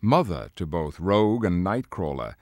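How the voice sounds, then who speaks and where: A deep, very animated male voice at normal speed delivers portentous video-game narration as the grave, dignified head of a band of superhero mutants, his mood grave and measured. The clean studio recording has no echo and music under the voice.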